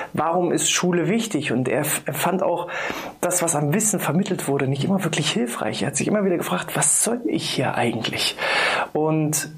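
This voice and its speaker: A man hosting a podcast and speaking casually in a monologue, enthusiastic and encouraging, with frequent ums and restarts. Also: on the high side. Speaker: podcast host.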